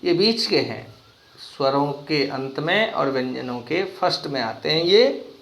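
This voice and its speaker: A man teaching a grammar lesson to children, asking them questions and repeating key words slowly. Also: fairly high pitch, lively intonation, a bit bright. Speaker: Hindi teacher. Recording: echoey room.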